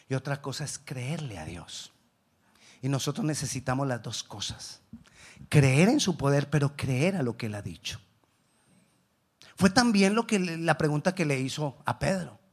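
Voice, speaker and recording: Preaching with a fairly high-pitched voice, this man alternates between booming exhortations and quiet asides. He also performs the voices of figures from the Bible.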